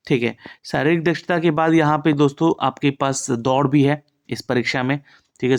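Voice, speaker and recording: Presenting a channel about job exams, a man walks listeners through an official notice in an informal, instructive style, frequently pointing out what they should note. His voice sits in the mid range and sounds creaky.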